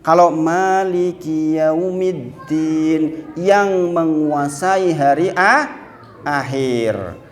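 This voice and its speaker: A man with a Javanese accent teaching Quran recitation to a congregation, slipping Javanese words into his Indonesian and chanting the Arabic verses slowly. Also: fairly high pitch. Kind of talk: religious lesson to a congregation.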